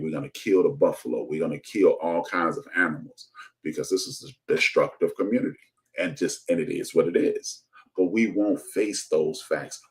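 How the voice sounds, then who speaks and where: Deep-voiced man, passionate solo commentary, repetitive rhetorical build, stumbling restarts. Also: poor audio. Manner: preachy, repetitive rhetorical emphasis with frequent restarts. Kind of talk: impassioned commentary monologue.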